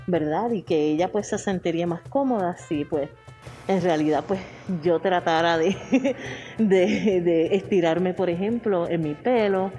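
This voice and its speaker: A woman's voice: fairly low pitch, measured pace, warm tone, faint music behind. A woman with a Puerto Rican accent telling personal experiences casually in an interview, often seeking agreement. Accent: Puerto Rican Spanish. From Puerto Rico. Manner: conversational, seeks agreement with tag questions. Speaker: art educator being interviewed.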